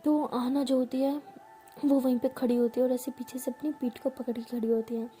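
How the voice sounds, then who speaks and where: A woman narrating a love story in a chatty, casual way, often dropping into soft whispers. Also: high voice, level tone, moderate pace, faint music behind.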